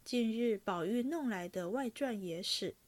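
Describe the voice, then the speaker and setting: A woman reading a classic novel aloud in a measured, even storytelling voice. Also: fairly high pitch.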